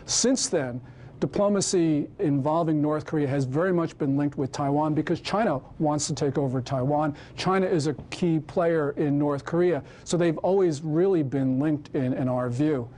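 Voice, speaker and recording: A man's voice: fairly high pitch, normal speed, dark tone. A man giving a public lecture on foreign policy and answering audience questions, speaking with growing passion and emphasis. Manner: impassioned, emphatic.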